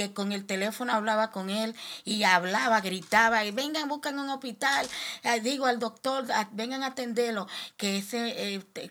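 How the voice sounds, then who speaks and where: A middle-aged woman giving a personal faith testimony on a podcast, halting and restarting, her voice rising sharply as she pleads. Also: fairly low pitch, a bit bright. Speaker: guest sharing testimony.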